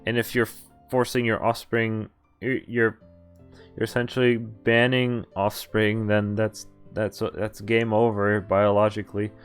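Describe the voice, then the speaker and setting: A young adult man with a low voice and little pitch movement reads a visual novel aloud during a live game stream, a little slowly, with music playing behind him. He keeps it casual, breaking off from the text to joke and comment.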